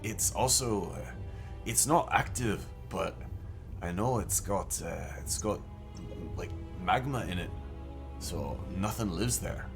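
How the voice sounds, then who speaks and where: A man running a tabletop game as game master, talking in a halting way with frequent restarts, over a remote call microphone. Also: on the low side, over music. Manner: halting, many restarts and fillers. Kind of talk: improvised character and game narration.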